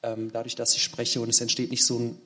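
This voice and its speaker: A man's voice: mid-range voice, monotone, quick pace, sharp tone. A man in the audience of a lecture hall asks a long, searching question with some fillers. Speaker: audience member asking a question.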